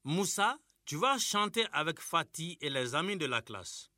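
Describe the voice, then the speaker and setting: Bright, lively male teacher voice. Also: on the high side, no echo, studio quality. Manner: instructive, measured and encouraging. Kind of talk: scripted classroom lesson.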